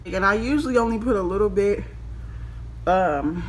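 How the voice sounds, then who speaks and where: This twenty-something woman gives a makeup tutorial from a small room at home, chatting to camera in a giggly, tipsy ramble. Her medium-pitched voice is animated at a moderate pace, and the recording is rough with a little hiss or hum.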